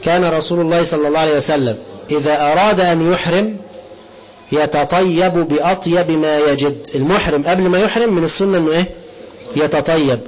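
A man's voice: a little high, steady tone, fast talker. A man with an Egyptian Arabic accent giving a colloquial religious lesson, often asking the audience a question and answering it himself. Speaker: preacher. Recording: dull lo-fi lecture recording.

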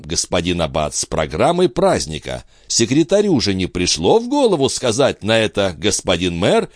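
A man reading aloud, voicing a calm, ironic orator who lectures a crowd in a measured, gently mocking way. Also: on the low side, dry recording, studio quality.

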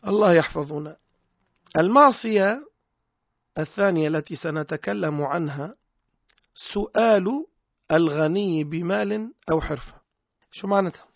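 A man's voice: high-pitched, moderate pace, creaky, long pauses, dry recording, muffled recording. A man with a Tunisian accent giving a religious lesson, explaining points by asking and answering his own questions. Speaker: religious teacher.

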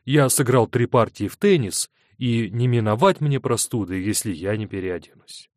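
A man voicing an energetic young actor who is breezy and overly polite, in an audiobook. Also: medium pitch, normal speed, no room sound, studio quality, close to an everyday voice.

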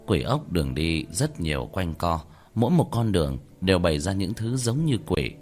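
A man narrating a fantasy story in a steady, expressive reading. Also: low voice, normal speed, soft background music.

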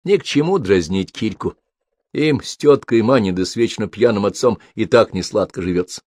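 A man narrating a children's story as an audiobook reader, in a measured storytelling manner. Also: fairly low pitch, animated, darkish tone, no room sound, clean studio sound. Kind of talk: scripted narration.

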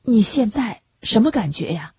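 A woman's voice: a little high, big pitch swings, normal speed, husky, dry recording, pitched above the performer's own voice, full character voice. A woman voicing a worried male camp team leader who coaxes and reassures a sick friend. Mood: reassuring. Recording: dull lo-fi recording.

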